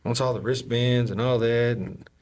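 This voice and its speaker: A man chatting casually on a podcast, animated and laughing through stories. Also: mid-range voice, normal speed. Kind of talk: casual chat.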